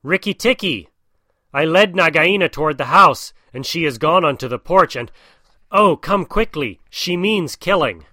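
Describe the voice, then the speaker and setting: A man voicing a small female bird who cries out in high, panicked calls in a storybook reading. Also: animated, a little slow, bright, forceful tone, dry recording, studio quality, exaggerated voice. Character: frantic small female songbird.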